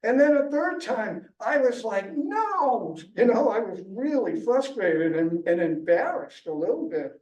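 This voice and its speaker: A man's voice: sits high, animated, moderate pace, few pauses, darkish tone, highs cut off. A male author reading his memoir aloud at a library book launch, telling it with a wry, chuckling storytelling manner. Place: library event room. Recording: echoey room, distant mic.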